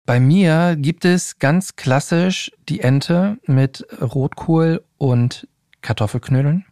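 A man's voice: a little high, slow, darkish tone, no echo, clean studio sound. A man hosting a podcast, chatting in a friendly way and speaking straight to his listeners. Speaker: podcast host. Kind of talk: casual podcast interview.

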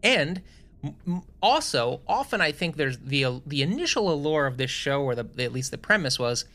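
A man's voice: fairly high pitch, sing-song, normal speed, sharp tone. A young adult man co-hosting a podcast, talking in a rambling, enthusiastic way with lots of restarts. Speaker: podcast co-host. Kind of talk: casual podcast chat.

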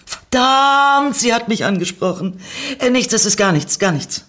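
A woman voicing a nervous, smitten young woman who stammers, with a husky voice. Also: lowish voice, lively intonation, normal speed, pitched above the performer's own voice. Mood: flustered. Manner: stammering, flustered.

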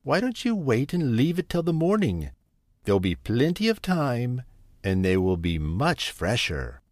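A man voicing a kind, worried wife of an ogre in a storybook, speaking in a gentle, pleading manner. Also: mid-range voice, wildly swooping pitch, measured pace, dry recording, clean studio sound, voice pushed up. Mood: coaxing.

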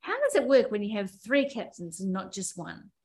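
A woman with an Australian accent hosting a sports podcast, brisk and steering the talk with questions. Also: medium pitch, very animated, darkish tone. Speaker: podcast host.

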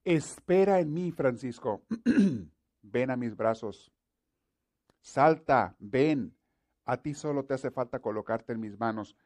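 A man's voice: medium pitch, animated, takes it slowly, darkish tone. A man preaching a sermon gives voice to God, a mighty, commanding male divine presence who talks in solemn, proclaiming phrases and keeps repeating one name.

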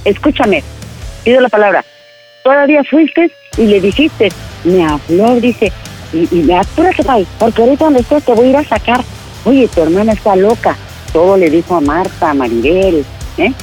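A high, shrill voice belongs to a furious Mexican woman who feels betrayed by a friend, played by a man putting on the voice. She scolds insistently, demands to be heard and cuts the other person off. Faint music sits under the prank phone call. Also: animated, moderate pace, a little mellow. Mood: indignant. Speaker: prank caller.

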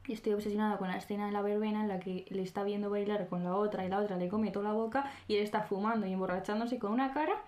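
A woman's voice: medium pitch, fairly even intonation, racing, hardly any pauses, a little mellow. Playful young Spanish woman in an echoey room. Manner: playful, chatty, laughs often while retelling scenes. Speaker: podcast co-host. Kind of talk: casual chat.

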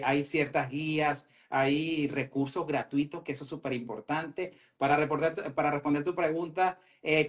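A man speaking earnestly as a guest in a live interview, steady and motivational. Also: mid-range voice. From Venezuela. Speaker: guest entrepreneur.

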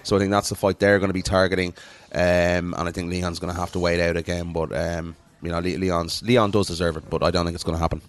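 A man in casual sports discussion, speaking as a co-host. His voice sits low and stays fairly level in pitch. He talks at a quick clip. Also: flat delivery. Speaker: podcast co-host and MMA pundit.

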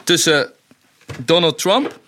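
Bright-voiced man reasoning things out. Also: on the high side, expressive, slow pace. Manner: reasoned, explains with many fillers like "zeg maar". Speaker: podcast co-host. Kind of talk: casual podcast chat.

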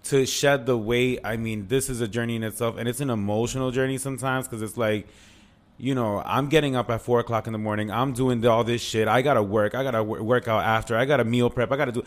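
A man's voice: mid-range voice, fairly even intonation, fast. A man co-hosting a podcast in casual, candid chat, slangy and full of swearing. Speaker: podcast co-host. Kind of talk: casual chatty podcast talk.

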